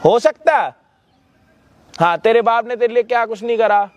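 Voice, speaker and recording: A man's voice: extremely high pitch, moderate pace, no room sound, highs cut off. A male host staging a street confrontation, scolding and mocking with abusive words.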